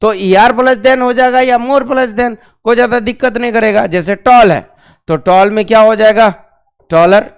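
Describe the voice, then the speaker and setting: A man leads a grammar class with a high, smooth, resonant voice. He frequently questions his students and repeats the key terms, drilling them slowly over and over.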